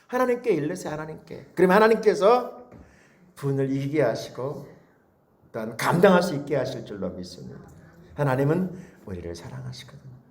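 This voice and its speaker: A male pastor delivers a lively Sunday sermon, his voice sitting a little high and swinging widely up and down. He keeps pulling the congregation in with questions and repeated calls, preaching with animated energy. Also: brisk.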